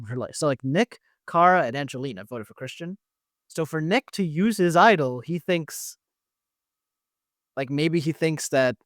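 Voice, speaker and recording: A man's voice: on the high side, no room sound, clean studio sound. A man co-hosting a podcast, leading a casual recap chat and often restarting his phrases. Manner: leads the discussion, restarts phrases. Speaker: podcast co-host.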